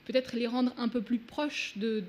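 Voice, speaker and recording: A woman's voice: on the high side, fairly even intonation, measured pace. A woman author whose native language is Russian, talking reflectively and searching for words. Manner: searching for words, many hesitations. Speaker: author guest. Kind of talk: reflective talk. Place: event hall.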